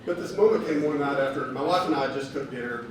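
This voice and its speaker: A man doing a stand-up comedy set in a bar, telling stories with deadpan delivery. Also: medium pitch, fast, crowd noise. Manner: deadpan storytelling with acted quotes. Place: bar stage with laughing audience. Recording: echoey bar room from far off, noisy.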